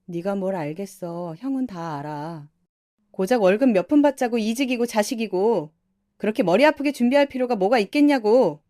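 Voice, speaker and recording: A woman reads out a conceited husband who talks down to his family. He sneers and belittles in a mellow, soft voice. The recording is dry and close, with no room sound. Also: medium pitch, animated, normal speed, no room sound, close to an everyday voice. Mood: scornful. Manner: mocking and condescending. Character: arrogant, boastful husband who runs a private academy.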